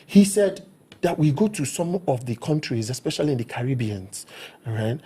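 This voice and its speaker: A man's voice: mid-range voice, animated, moderate pace, dark tone, slightly rough. A middle-aged Nigerian man with a Nigerian accent, an actor speaking as an interview guest in an emphatic, preaching way that keeps checking he is understood. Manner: emphatic, preaching, repeats himself with "do you understand me?". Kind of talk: interview talk.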